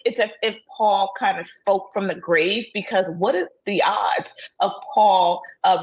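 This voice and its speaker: A husky-voiced woman offers legal analysis over slightly muffled, lo-fi audio. She states her view firmly and decisively. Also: medium pitch. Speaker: criminal defense attorney, legal panelist. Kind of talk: legal commentary.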